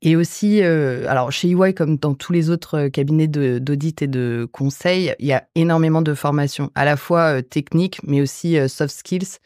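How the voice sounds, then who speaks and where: A woman in her forties from the Paris region, a guest in a podcast interview, answering hesitantly with many filler pauses. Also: low-pitched, a little mellow, dry recording, clean studio sound. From Paris region, France. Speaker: guest investor.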